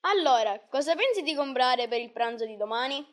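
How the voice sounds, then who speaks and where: A woman's voice: high voice, animated, fairly quick. A woman reading a kind poor shoemaker. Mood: cheerful. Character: poor kind-hearted middle-aged male shoemaker. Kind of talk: storybook reading.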